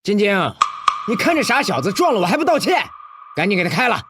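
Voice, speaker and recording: A man's voice: high voice, very animated, fast talker, background noise. An actor playing a boastful, scheming male businessman villain who bullies and gloats. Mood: scornful. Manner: bullying, then fawning and gloating. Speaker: rival beauty-salon boss.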